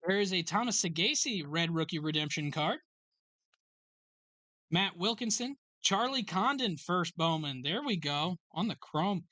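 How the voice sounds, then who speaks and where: A card break host in a sports card shop, briskly calling out card names and serial numbers as packs are opened. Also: medium pitch, expressive, sharp tone, no room sound. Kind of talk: live card break commentary.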